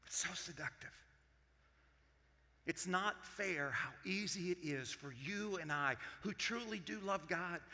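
A male pastor preaching a sermon to a congregation, swinging from forceful to hushed. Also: fairly high pitch, in a large hall. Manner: preaching, rising to forceful then dropping to hushed.

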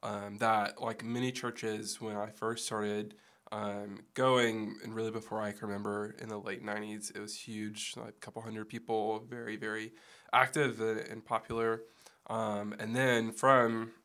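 A man with a gravelly, hoarse voice that sounds like it is giving out, chatting casually as an interview guest. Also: lowish voice, fairly bright tone. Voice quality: gravelly, losing his voice. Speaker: podcast guest, church production staff. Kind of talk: casual interview, recounting his background.

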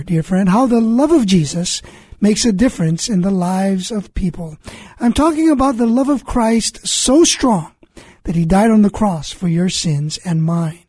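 Male radio host, husky and mellow, measured earnest reads, dry studio sound. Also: high voice, dry recording. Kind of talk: scripted radio introduction and interview.

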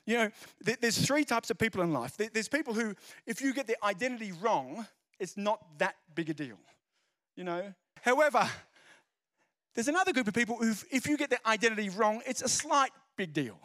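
A young man talks about his faith to an audience with real animation. His voice sits high and leaps all over the place as he tells stories, cracks jokes and repeats his points for emphasis. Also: a little fast. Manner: animated storyteller, jokey asides, repeats phrases. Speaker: speaker explaining Christianity. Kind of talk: lively evangelistic talk.

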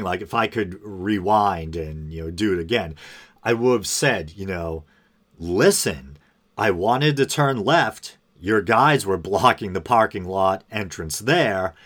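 A man with a fairly low voice tells a story in an unscripted solo podcast rant. He rambles and pads his talk with fillers, and he sounds rueful and self-mocking about losing his temper. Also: fairly bright tone. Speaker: podcast host.

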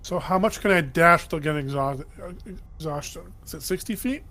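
A man's voice: on the high side, a little fast, sharp tone. A man casually asking questions as a player in a tabletop game.

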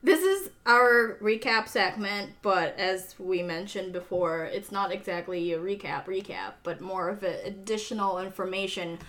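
A podcast host who speaks English as a second language keeps things casual and chatty. She has a medium-pitched, slightly bright voice, talking a little slowly but with hardly any pauses.

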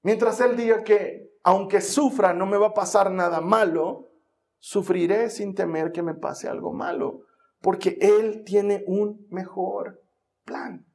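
High-voiced, animated male preacher. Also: takes it slowly. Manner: animated, dramatic storyteller with jokes. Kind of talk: sermon.

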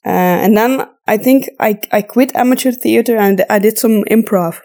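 Here she sounds warm, her voice on the high side at a moderate pace. She's a podcast host and audio drama voice actor, a native Dutch speaker from Flanders, Belgium, with a Flemish accent, casually and self-deprecatingly responding to listener questions.

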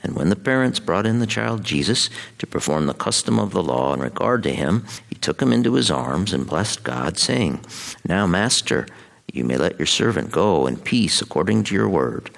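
Deep, creaky-voiced American priest. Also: male voice, big pitch swings, fairly bright tone. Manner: solemn, measured liturgical delivery. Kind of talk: Mass scripture readings and homily.

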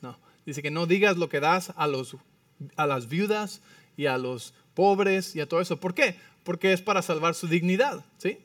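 A man in his thirties preaching a Spanish-language sermon as pastor, animated, often checking in with the congregation. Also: a little high, moderate pace, dry recording, distant mic.

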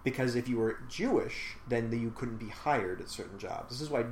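At a moderate pace and with a mid-range voice, a man hosts a podcast conversation about a film. He's casual and reflective, speaking at length with frequent fillers, and the recording has room echo and faint noise.

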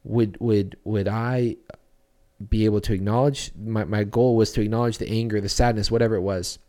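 A man's voice: fairly low pitch, steady tone, moderate pace, dark tone. A young adult man, a children's church pastor, talking earnestly and reflectively in a podcast interview, with frequent fillers and restarts.

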